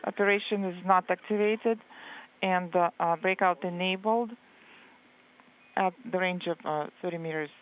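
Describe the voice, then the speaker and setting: A woman giving a live translation voice-over of radio exchanges, speaking in halting pieces with many hesitations. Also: on the low side, steady tone. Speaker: interpreter. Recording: very narrow phone-like line.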